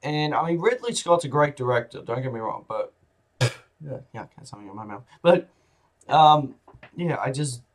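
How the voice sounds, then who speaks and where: Brief: male vlogger, casual film rant, swears a lot, rambles, average pitch. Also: expressive, moderate pace. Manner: rambling, blunt and profane. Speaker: film reviewer. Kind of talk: casual video review.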